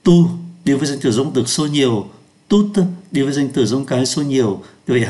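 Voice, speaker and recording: Man slowly teaching French pronunciation. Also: medium pitch, darkish tone. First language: Vietnamese. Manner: slows down to pronounce French words. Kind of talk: lesson explaining pronunciation.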